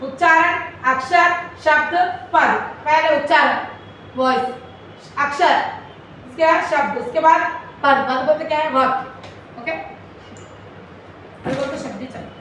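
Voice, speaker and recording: A woman's voice: high-pitched, unhurried, long pauses, sharp tone, a little hiss or hum. A woman teacher giving a classroom lecture, explaining points and quizzing her listeners as she switches between two languages. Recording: very echoey room audio, voice from a distance, faint ambience.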